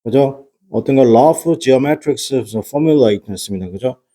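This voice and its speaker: A man's voice: mid-range voice, lively intonation, slow pace, dark tone. A man lecturing a class on exam English, blunt and scolding, who keeps throwing rhetorical questions at his students. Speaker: English lecturer for transfer exams.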